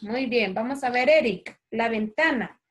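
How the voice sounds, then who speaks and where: A woman primary school teacher with a Honduran Spanish accent, teaching a children's online class slowly and clearly and calling the pupils by name. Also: fairly high pitch, fairly bright tone. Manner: patient, slow and clear, calls children by name. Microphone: video call.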